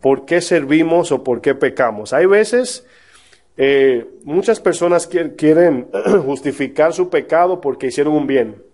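A man pastor teaching a Bible study to a live audience, talking in a relaxed, conversational way and often checking in with his listeners with questions. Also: fairly high pitch, measured pace.

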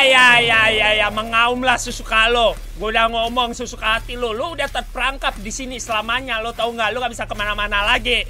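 A man doing excitable, trash-talking let's play commentary, mixing in English swears. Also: high voice, slight background noise. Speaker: gaming YouTuber.

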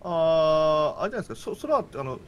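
Lowish, very animated woman gamer. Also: fast talker. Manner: polite, coaxing a partner along. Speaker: streamer's game partner. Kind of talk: casual co-op game chat. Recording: very noisy game stream audio.

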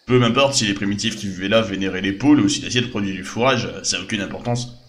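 A man's voice: lowish voice, fast talker, a bit bright, a little hiss or hum, close to an everyday voice. A man voicing a greedy, dismissive treasure hunter in a fantasy video game. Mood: impatient. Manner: impatient, dismissive.

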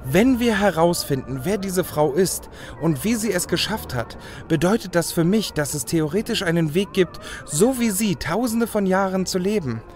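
Speaking high with lively intonation at a moderate pace and barely pausing, a man performs German audio drama. His role is a proud, cynical young hacker becoming an elf, brooding and self-assured, his mood earnest and visionary.

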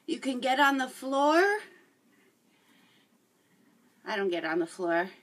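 A woman's voice: high-pitched, very animated, slow. A middle-aged woman demonstrating a home workout, chatty and encouraging and out of breath. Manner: chatty, encouraging, laughs while exercising. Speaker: fitness vlogger. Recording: voice from a distance.

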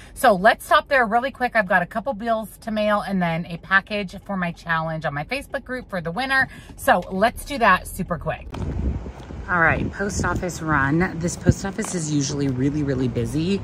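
A woman's voice: on the low side, expressive, moderate pace, a bit bright, a little hiss or hum, rough recording. A woman in her thirties, a lifestyle vlogger, giving chatty, upbeat and rambling narration of her day. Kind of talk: casual vlog narration.

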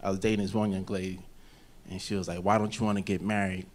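Into a handheld stage mic at an indoor comedy club, an American man delivers stand-up stories fast, in a low, level, slightly mellow voice. What we hear is a noisy live recording of the set, played back.

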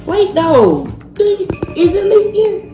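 A woman hosts a casual mukbang, her voice swinging up and down as she teases and laughs. She sounds lively and playful. The room is echoey, with music playing softly behind her. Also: very high-pitched, a little slow. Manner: lively, teasing, laughs often. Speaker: channel host.

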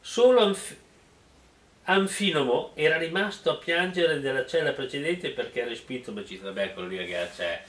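Lively, mocking man reading aloud. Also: a little high, moderate pace, far from the mic. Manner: animated, mocking, breaks into laughter. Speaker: reader and comic commentator. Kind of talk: mock-dramatic reading with joking asides. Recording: roomy, off-mic sound.

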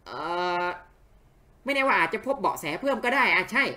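A man voicing a small, excitable companion creature in a video game, talking in a quick, eager, chatty way. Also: sits high, voice pushed up, full character voice. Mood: coaxing. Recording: faint game music behind.

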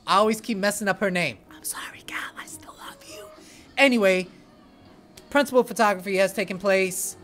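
A man hosting an entertainment news show, talking in an animated, chatty way with playful asides. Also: high voice. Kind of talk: energetic entertainment news chat.

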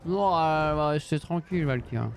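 A man's voice: fairly high pitch, moderate pace. A man from Belgium, casually commenting on a strategy game while thinking aloud and thanking viewers. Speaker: streamer.

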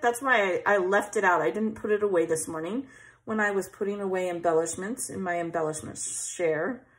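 A woman with a mid-range, fairly bright voice hosts a scrapbooking channel in a casual tutorial. At her craft table at home, she chats and talks through her choices while arranging pieces, shot from overhead on her hands.

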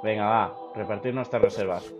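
A young man commentating a game, reading cards aloud in a brash, profane way that swings from mumbles to excited outbursts. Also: lowish voice, fairly quick, over music. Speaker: gaming YouTuber.

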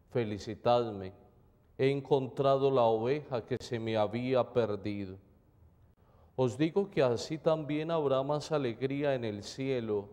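A man from reads the gospel at Mass in an unhurried, measured, solemn way. His tone is dark and mellow. A long cathedral echo trails every phrase. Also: mid-range voice. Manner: slow, measured, solemn reading. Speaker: priest. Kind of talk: liturgical gospel reading and homily. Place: large church during Mass. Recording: long church reverb.

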